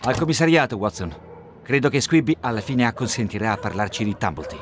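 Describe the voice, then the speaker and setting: An actor dubbing Sherlock Holmes in a game, a sharp detective who probes in a cool, ironic way. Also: male voice, mid-range voice, big pitch swings, fast, close to an everyday voice. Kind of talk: Italian game dub.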